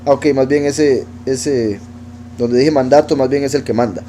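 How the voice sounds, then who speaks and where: A man teaching a Bible study, reading verses aloud and slowly spelling out Hebrew words as he explains them. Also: medium pitch, warm tone, slight background noise. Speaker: teacher of scripture.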